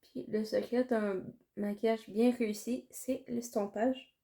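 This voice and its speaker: Woman, Quebec French accent, mellow slightly high voice, rambling makeup vlogger. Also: steady tone, a little slow, vocal fry. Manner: rambling, hesitant, many fillers and restarts. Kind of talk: casual makeup tutorial.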